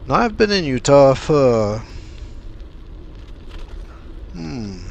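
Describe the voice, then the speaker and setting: A man from Trinidad, giving casual, unhurried vlog commentary with plenty of fillers and pauses. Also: medium pitch, big pitch swings, gravelly, darkish tone. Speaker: cycling vlogger.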